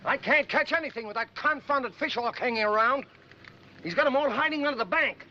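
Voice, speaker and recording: Blustery, high-pitched old officer, screwball comedy banter. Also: male voice, fairly quick, sharp tone, full character voice. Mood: blustering. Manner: blustering, old-fashioned exclamations. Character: blustery, peppery older male army officer and father. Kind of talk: 1940s screwball comedy film acting. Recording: hissy, muffled old film soundtrack.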